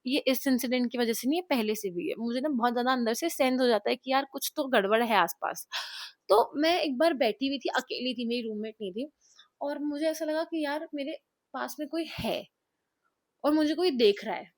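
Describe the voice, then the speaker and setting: A young woman vlogger telling a personal story to camera in a casual, animated way, mixing English words into her speech. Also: sits high, brisk, no echo, studio quality. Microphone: clip-on mic, later camera mic after battery died.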